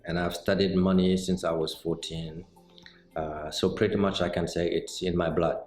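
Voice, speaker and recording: A middle-aged man from Senegal, a mortgage banker answering interview questions in a measured, explanatory way with frequent pauses. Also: low-pitched, flat delivery, a little mellow. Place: indoor office set with bookshelves. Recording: roomy indoor sound with faint music.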